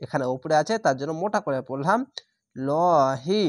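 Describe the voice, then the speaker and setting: A man's voice: on the high side, expressive, rapid-fire, no room sound. A man teaching Quran reading, spelling out each letter and vowel, then chanting the word drawn out. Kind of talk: slow spelled-out tajweed lesson.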